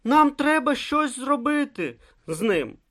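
Reader doing a tired stubborn young monk, high and slow, straining out every word. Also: sing-song, fairly bright tone, heavily acted. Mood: strained resolve. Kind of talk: audiobook character voice.

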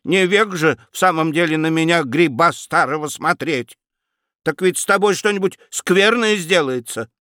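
A man's voice: fairly high pitch, normal speed, pushed and bright, dry recording, studio quality, voice pushed up. A man voicing a plain-spoken, practical old aunt with a folksy, soothing manner. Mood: coaxing.

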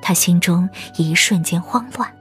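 Woman narrating an audiobook over soft music. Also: on the low side, a little slow. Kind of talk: scripted audiobook story narration. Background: background music.

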